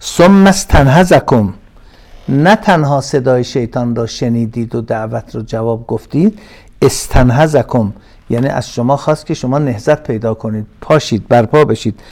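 A man with a voice of ordinary pitch lectures on a classical religious text. He draws certain phrases out slowly and forcefully, then drops into relaxed, conversational explanation.

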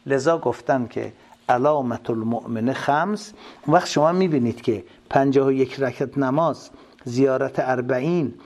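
Gravelly, husky male preacher. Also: medium pitch, darkish tone. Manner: asks rhetorical questions and answers them himself. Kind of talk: religious lecture.

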